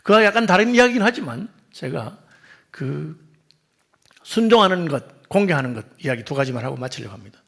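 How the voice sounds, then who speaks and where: A male pastor preaching a sermon, telling a story and acting out the dialogue, often dropping to a soft, quiet voice for emphasis. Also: fairly high pitch, expressive, quick pace, creaky, breathy edge.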